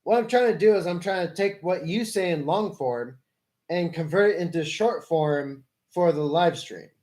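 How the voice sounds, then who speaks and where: A man's voice: fairly high pitch, expressive, normal speed, darkish tone. A man hosting a live stream, debating politics with a caller in an explanatory way, correcting and rephrasing as he goes. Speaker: livestream host.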